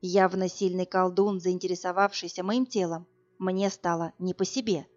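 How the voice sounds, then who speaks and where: A woman narrating a fantasy novel in an even, measured storytelling voice. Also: on the low side, muffled recording. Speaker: audiobook reader.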